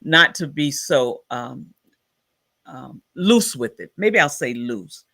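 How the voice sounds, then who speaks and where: A man hosting an interview, speaking slowly and searching for his words. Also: medium pitch, animated, vocal fry, sharp tone. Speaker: host. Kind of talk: conversational interview.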